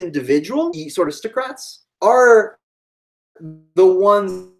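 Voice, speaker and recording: A woman's voice: medium pitch, animated, unhurried, poor audio. A woman giving a live-streamed history lecture to online students, thinking aloud with fillers and asides.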